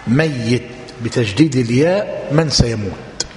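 A man teaching a religious text, repeating points slowly and quizzing his listeners. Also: medium pitch, animated, darkish tone, soft background music. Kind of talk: lecture explaining a text. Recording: echoey hall.

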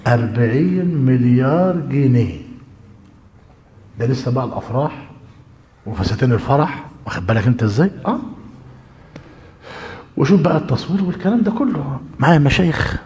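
Animated Egyptian sheikh in echoing hall. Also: male voice, mid-range voice, brisk, long pauses, slight background noise. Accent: Egyptian Arabic. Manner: animated, shifts between formal classical and colloquial, checks in with listeners. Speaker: Islamic religious teacher. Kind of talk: religious lesson to students.

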